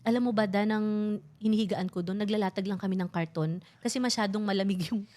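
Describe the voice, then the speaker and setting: A woman in her thirties speaks as a podcast guest in a candid, reflective way. Her voice sits at a middle pitch. She shifts easily between Tagalog and English. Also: fairly even intonation, fast, darkish tone. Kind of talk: emotional casual chat.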